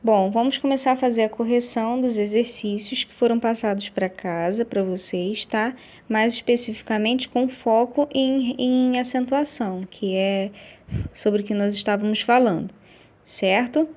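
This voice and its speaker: A woman's voice: fairly high pitch, fairly even intonation, normal speed, a little mellow. A woman teacher with a Brazilian Portuguese accent explains grammar exercises in a chatty classroom style, often checking in with her students.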